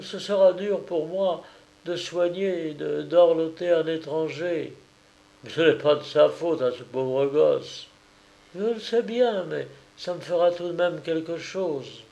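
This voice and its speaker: A man voicing a kind, devoted female nanny in an audiobook, speaking softly and with pity. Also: fairly high pitch, slow, gravelly, pitched above the performer's own voice, poor audio. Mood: earnest. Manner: soft, tender and pitying. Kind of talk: audiobook character reading.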